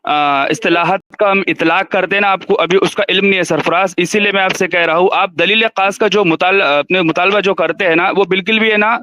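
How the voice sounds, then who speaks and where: Insistent high-voiced man debating. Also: steady tone, few pauses, bright, forceful tone, a little hiss or hum. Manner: insistent, keeps interrupting and repeating himself. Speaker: debate guest on a live stream. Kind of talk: heated religious debate.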